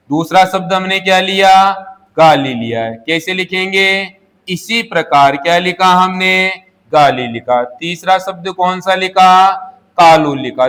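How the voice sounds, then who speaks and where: A man's voice: high voice, a bit bright. A male Hindi teacher in a classroom lesson, asking questions and answering them himself, repeating key words. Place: coaching classroom.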